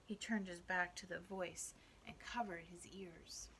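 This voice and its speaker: A woman teacher reading a storybook aloud to young children, expressive and asking them questions. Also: lowish voice, unhurried, slight background noise, poor audio. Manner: expressive, asks the listeners questions.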